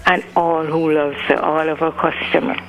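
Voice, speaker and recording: A radio call-in caller with an Antiguan accent rambles through birthday shout-outs, linking names together with frequent "you know". His medium-pitched voice is flat and at normal speed, heard over a clipped phone line with a faint hum.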